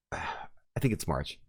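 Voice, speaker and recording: Rambling man telling a story. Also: drawn-out words. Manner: rambling storyteller, many fillers. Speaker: podcast host. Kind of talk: casual chat.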